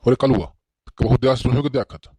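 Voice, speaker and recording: A man's voice: medium pitch, fast, slightly rough, close to an everyday voice. A man playing a scolding village schoolmaster, speaking with a tinge in a comedy skit. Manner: loud, scolding.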